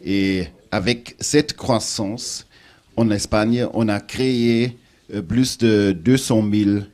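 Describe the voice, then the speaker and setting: A man with a German accent addresses a panel in broken French. His voice sits on the low side and moves very slowly, with frequent hesitations as he searches for words and trips over grammar. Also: a little mellow. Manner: halting, broken non-native French with grammatical slips and many hesitations. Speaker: panel speaker, international official. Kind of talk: prepared remarks at a panel discussion.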